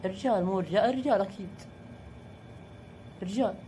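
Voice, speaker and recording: Fast-talking Saudi man vlogging from a car. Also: high-pitched, dark tone. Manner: chatty, jokey, calls viewers "guys". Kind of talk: casual vlog chat to viewers. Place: in a car by the coast. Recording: vehicle noise behind.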